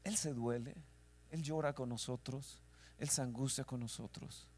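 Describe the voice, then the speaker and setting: A male pastor preaching a sermon, dropping to hushed whispers and rising to shouts, sometimes singing scripture lines. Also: medium pitch, fairly even intonation, normal speed.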